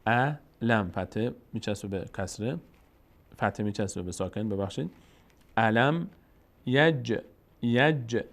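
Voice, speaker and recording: Male recitation teacher, drawn-out chanting broken by brisk explanation. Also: medium pitch. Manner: alternates drawn-out chanted syllables with quick spoken explanations. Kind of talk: tajweed lesson, spelling out and chanting verses slowly.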